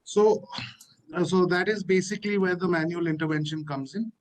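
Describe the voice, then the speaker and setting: Man, slightly high voice, halting presenter demoing software on a video call. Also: low-quality recording. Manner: halting, with many fillers and restarts. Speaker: platform presenter. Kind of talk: live webinar walkthrough.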